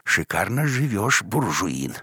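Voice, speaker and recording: A man voicing a grumpy old man with a creaky voice, gruff and mocking, in an audiobook story. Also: lowish voice, big pitch swings, slow pace, sharp tone, no echo, studio quality, voice pushed up, exaggerated voice. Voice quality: creaky, grating.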